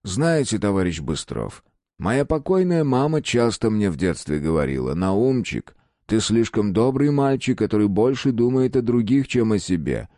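A man's voice: on the low side, very animated, normal speed, dark tone, no room sound, clean studio sound. A man voicing a cagey middle-aged businessman who pleads and turns sugary.

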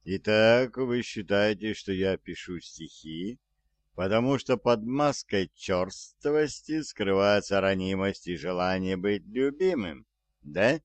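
A man voicing a pompous, cruel alien ship captain who writes poetry, speaking slowly and haughtily. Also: fairly low pitch, expressive, dry recording. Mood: mocking.

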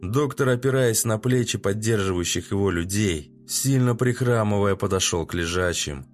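A man narrating an audiobook in a steady, even reading voice. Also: fairly low pitch, normal speed, faint music behind.

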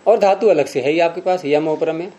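A mellow, fairly high-pitched man leads a class through a grammar text. He reads lines aloud, then breaks them down slowly and puts questions to his students. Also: lo-fi sound. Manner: patient, questioning students, slows to spell out examples. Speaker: Sanskrit grammar teacher.

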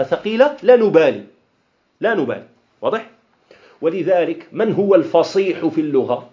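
Algerian male teacher, lively and rather high, quizzes the class and answers himself, mixes classical and dialect, dull lo-fi recording. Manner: asks the class questions and answers them himself. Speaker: Islamic studies teacher. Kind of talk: classroom lecture on Arabic grammar. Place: lecture hall of an association.

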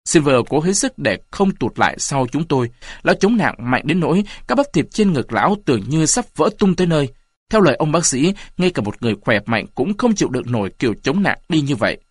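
A man narrating a story aloud in an expressive reading style. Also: fairly high pitch, fairly quick, slightly rough, no room sound, clean studio sound. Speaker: audiobook narrator.

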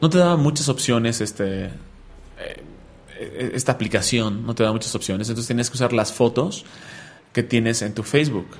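A man's voice: medium pitch, moderate pace. A man hosting a radio talk show, chatting and telling stories with a joking manner. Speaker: radio host. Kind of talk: casual radio chat.

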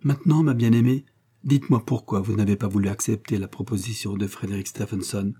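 A man's voice: on the low side, fairly even intonation, brisk, mellow, husky. A man reading aloud as an earnest, lovesick colonel, speaking with passion and gravity. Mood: tender. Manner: passionate, grave.

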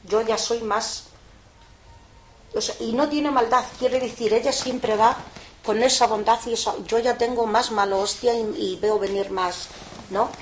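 An older woman being interviewed, telling a story in a casual, lively way with lots of fillers. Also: fairly high pitch, unhurried. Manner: colloquial, lively retelling with frequent fillers. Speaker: interviewee, mother of a prisoner. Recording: echoey room, faint background noise.

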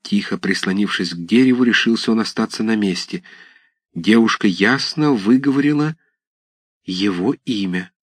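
A man narrating a classic story aloud with expressive storytelling. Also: lowish voice, normal speed, husky, no room sound. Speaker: reader.

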